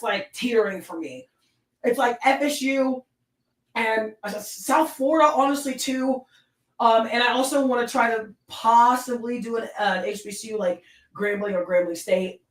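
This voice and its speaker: A woman with a Southern accent hosting her own sports talk stream, ranting with emphatic, animated delivery. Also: mid-range voice, reverberant, far from the mic, rough recording. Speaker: sports show host.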